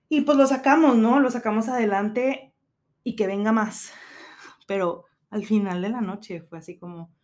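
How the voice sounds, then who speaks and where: A woman's voice: medium pitch, a little mellow. A woman in her thirties with a Mexican accent, hosting a podcast and telling a story in casual chat, slangy and swearing freely while acting out quotes. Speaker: podcast host.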